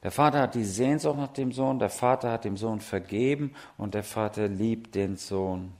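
A middle-aged man preaching a sermon, chatty and animated, swinging from soft asides to loud, emphatic peaks. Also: fairly low pitch, moderate pace. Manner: chatty, asks the audience questions and laughs.

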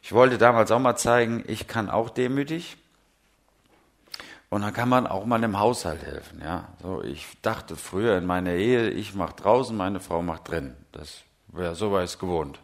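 A man's voice: on the low side, moderate pace. A middle-aged man preaching a sermon, telling humorous, self-mocking stories and putting direct questions to the congregation.

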